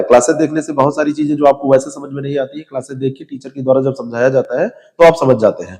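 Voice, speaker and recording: A man's voice: fairly high pitch, a little mellow, long reverb tail. A man giving direct, informal advice on which books to study for a civil service exam. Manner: direct, advising, addresses viewers as you. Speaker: exam prep teacher.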